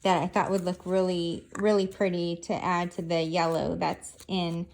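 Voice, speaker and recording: A woman's voice: on the low side, little pitch movement, creaky, a little mellow. A woman hosting a casual craft tutorial, talking through each step of her handiwork as she goes. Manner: unhurried, narrating each hand movement as she works.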